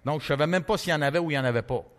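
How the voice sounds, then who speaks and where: A man's voice: fairly high pitch, very fast. Québécois preacher telling his story in a hall. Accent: Québécois French. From Quebec. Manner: lively conversational storytelling, many fillers. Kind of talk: testimony sermon.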